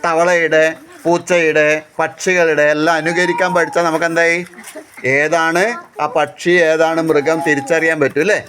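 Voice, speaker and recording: Outdoors at a house full of children, a teacher on a school outing quizzes the group and repeats questions to draw out answers. The voice is mid-range and a bit bright, delivered flatly at a normal speed, with children chattering behind.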